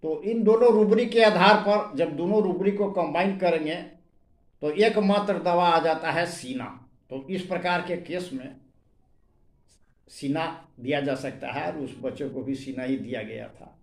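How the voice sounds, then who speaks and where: Slow, fairly high-voiced guy explaining homeopathy remedies, echoey room, leans hard on each rubric word. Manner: reads out repertory rubrics word by word, stressing them. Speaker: homeopathy doctor. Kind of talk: explanatory medical lesson.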